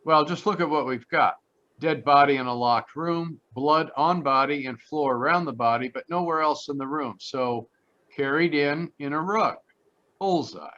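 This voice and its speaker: An actor plays a confident, wry private detective in an old-time radio drama, speaking in clipped, assured lines with an air of deduction. His voice is fairly high, bright and forceful, at a normal speed. It's a live online video call, and the audio is slightly dull.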